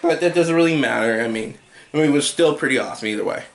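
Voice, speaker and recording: A man's voice: mid-range voice, fast, roomy sound. A young man giving a casual, rambling movie review at home, full of restarts and filler words. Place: home room with a TV.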